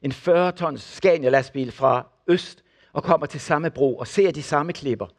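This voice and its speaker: An older man giving a sermon, his voice sitting a little high for a man. He tells testimony stories with energy and acts out what each person in them says. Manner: animated storyteller acting out the people in his stories. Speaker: preacher and former missionary.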